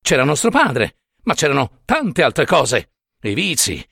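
A man's voice: medium pitch, huge pitch swings, measured pace, gravelly, bright, forceful tone, husky, no room sound, studio quality, full character voice. A man in his fifties voicing a heavy, breathless, indignant traveler who lectures with heated rhetorical questions. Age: 50s. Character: fat, breathless, indignant older male traveler.

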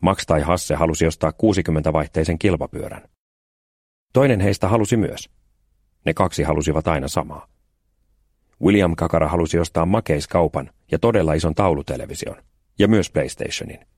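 Deep-voiced man narrating a storybook. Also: dry recording, studio quality. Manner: calm, even storytelling with deadpan timing. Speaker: audiobook narrator. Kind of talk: scripted narration.

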